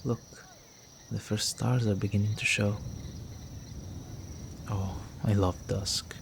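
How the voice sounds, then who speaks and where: A man takes on the role of a flirtatious, ancient vampire noble in an intimate fantasy roleplay, wooing the listener with formal, teasing seduction and quiet menace. His low, slow, very even voice carries vocal fry over music and a noisy background, and the mood is dreamy and seductive.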